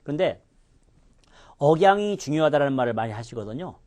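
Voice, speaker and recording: A man's voice: on the high side, expressive, fairly quick, a little mellow. A man teaching English pronunciation in a recorded lecture, demonstrating sounds with exaggerated contrasts.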